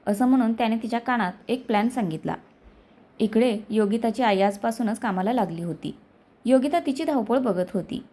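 Brief: woman storyteller, slightly high voice, steady scripted narration. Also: normal speed.

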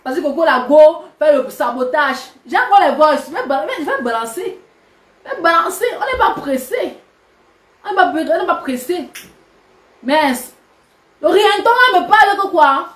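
A woman's voice: high-pitched, animated, moderate pace, a bit bright. A woman, a social media personality, ranting at her subscribers in a scolding, combative and mocking way. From Cameroon. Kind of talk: live video rant. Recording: roomy echo.

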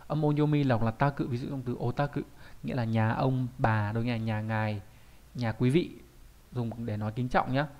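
A man's voice: mid-range voice, steady tone, normal speed, darkish tone. A man teaching kanji in an online video lesson, talking casually and often asking rhetorical questions and tag questions.

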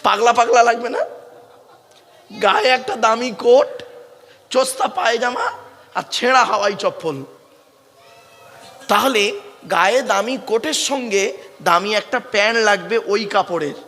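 A man's voice: high-pitched, lively intonation, moderate pace, long pauses, pushed and bright, big-room sound. A man from West Bengal with a South 24 Parganas Bengali accent, preaching a sermon at a religious gathering in a fatherly, coaxing way and calling on the crowd to answer back. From West Bengal, India. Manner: fatherly, coaxing, often calls listeners "bap" and asks them to answer back.

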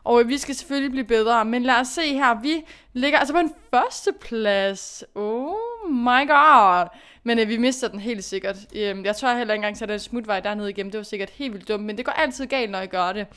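In casual gameplay commentary, a gaming YouTuber talks herself through the game with hardly any pauses. Her voice is high, smooth and clear; she's a young woman who pushes herself to concentrate, criticizes her slip-ups and compliments her own good plays.

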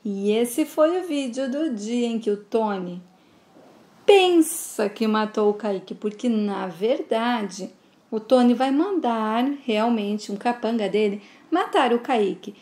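A woman's voice: fairly high pitch, animated, takes it slowly, a little mellow. A woman casually recapping a soap opera scene with chatty asides. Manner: plain, chatty retelling with asides.

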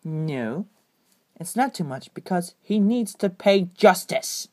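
Brief: woman doing a mean young dragon for a toy video, dark low delivery, husky. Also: lively intonation, takes it slowly. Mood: menacing. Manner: low, grim, violent threats. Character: menacing young purple dragon hero, vengeful.

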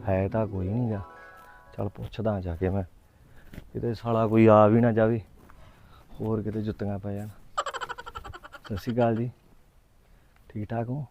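A man's voice: fairly low pitch, flat delivery, normal speed, long pauses, a little mellow, highs cut off, soft background music, lightly acted. A young man playing a nervous village youth who stammers and pleads in a panic.

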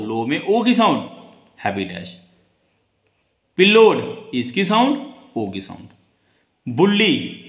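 Shorthand teacher guy, calls out each word high then explains low, sounds like a roomy echoey space. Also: a bit bright. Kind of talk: classroom lesson.

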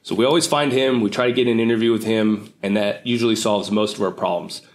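A man's voice: on the low side, fairly even intonation, fast. A young man talking straight to the camera from a couch indoors, casual and wry. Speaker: host. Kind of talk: to-camera commentary.

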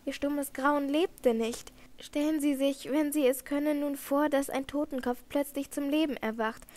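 A woman reading a first-person audiobook narration in a measured, dramatic manner. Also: high-pitched, steady tone, a little mellow. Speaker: audiobook reader.

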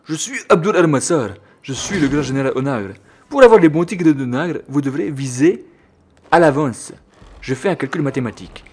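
A man's voice: fairly high pitch, lively intonation, normal speed, husky, pitched above the performer's own voice. A man voicing a boastful male siege engine general in a comic, mock-grand way. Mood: pompous. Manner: pompous, loud, mock-grand.

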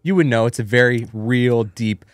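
A man's voice: mid-range voice, normal speed, dry recording, clean studio sound. A man co-hosting a podcast, chiming in casually and adding his own points. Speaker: podcast co-host. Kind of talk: casual conversational chat.

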